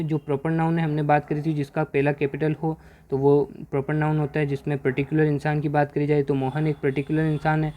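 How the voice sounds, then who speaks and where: In a mellow voice on the high side, a man leads a Hindi-language grammar worksheet lesson. He asks questions and answers them himself throughout, slowly reading the English example sentences aloud.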